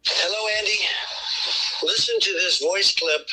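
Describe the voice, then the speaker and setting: A man speaks through a recorded voice message played on air, his tone cutting and bright with a husky, breathy edge. He sits slightly high in pitch and sounds like a casual listener sending in a note. He pushes the audience to decide for themselves. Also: wildly swooping pitch, a little slow, low-quality recording. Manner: urging listeners to judge for themselves.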